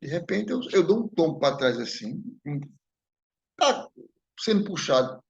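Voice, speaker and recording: A man's voice: a little high, very animated, unhurried, gravelly, darkish tone, breathy edge, lo-fi sound. A man giving a spiritist lecture, telling a personal story in a conversational way and often checking in with the audience. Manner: conversational, repeats "né?" and addresses the audience.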